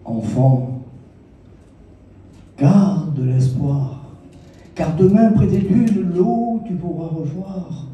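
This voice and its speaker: A man, a poet, reciting his poems with slow, lyrical phrasing and dramatic pauses, and telling the story behind them. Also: a little high, expressive, muffled recording, slight background noise. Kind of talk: poetry recitation with spoken story. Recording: echoey hall from far off.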